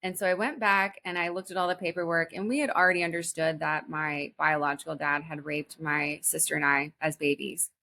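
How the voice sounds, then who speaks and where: A woman in her forties, a podcast guest telling a personal story in an earnest, halting way with many restarts. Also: low voice, fairly even intonation, sharp tone. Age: 40s. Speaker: guest, spiritual teacher.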